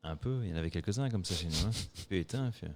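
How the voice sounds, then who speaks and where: Homme belge, débit rapide, voix animée. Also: male voice, low voice, expressive, darkish tone, slight background noise. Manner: short interjections and quips. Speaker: podcast co-host. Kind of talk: casual chat.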